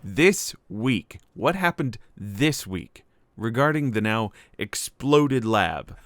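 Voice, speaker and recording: A man playing a patient, baffled investigator, questioning in a deadpan way in comic dialogue. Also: mid-range voice, slow pace, no echo, clean studio sound. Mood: baffled, dry. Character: deadpan male investigator taking statements, baffled but patient.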